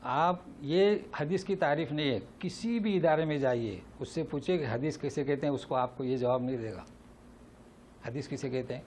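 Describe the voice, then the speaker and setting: A man's voice: a little high, darkish tone, a little hiss or hum. A male Islamic teacher giving a Quran lesson and answering questions. He talks with emphasis and keeps repeating rhetorical questions to drive his point home.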